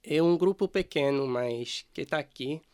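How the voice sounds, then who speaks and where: Slow, hesitant Canadian man. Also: on the high side, darkish tone, clear, resonant tone. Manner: hesitant, many fillers and restarts in a second language. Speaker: musician guest.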